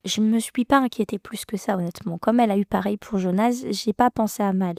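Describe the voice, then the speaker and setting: Podcast guest, woman in her 30s, mellow voice, halting, emotional telling, dry close sound. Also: mid-range voice, vocal fry, no room sound. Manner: halting, emotional, many restarts. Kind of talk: personal storytelling.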